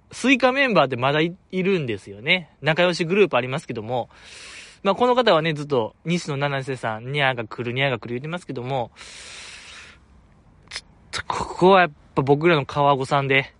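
This radio host, who speaks with a Kansai accent, reads listener messages on his casual solo talk show, keeping things chatty and self-mocking. The man's voice is fairly high and a bit bright, with no echo.

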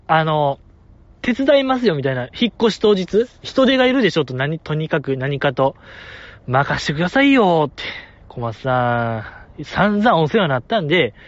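A podcast host with a slightly high voice and no room sound jokes around in casual conversation. The audio is dry, dull lo-fi, and he's animated and playful, putting on silly voices for quoted asides.

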